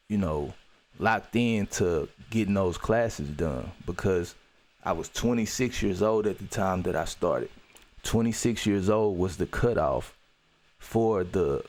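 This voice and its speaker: A podcast host with a low, slightly mellow voice shares a personal story in an earnest, reflective way. He talks loosely, with lots of "you know" and restarts, and keeps returning to key phrases to drive them home.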